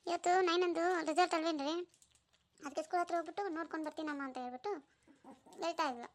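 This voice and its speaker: A woman voicing a devoted village mother of two in a family cartoon story, in a gentle, homely way. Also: very high-pitched, rapid-fire, no echo.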